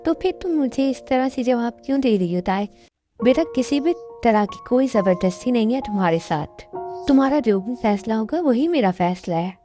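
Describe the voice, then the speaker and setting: A woman's voice: on the high side, animated, normal speed, mellow, faint music behind, lightly acted. A woman voicing a worried middle-aged father and company owner in an amateur dub, talking in an anxious, pleading way.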